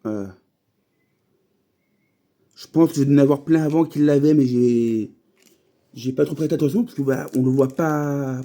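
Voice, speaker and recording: Guy rambling over card pack openings, super dark mellow voice, lots of ums and restarts. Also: medium pitch, normal speed, pauses often. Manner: rambling, many fillers and restarts. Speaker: YouTuber opening trading card boosters. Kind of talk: casual rambling chat.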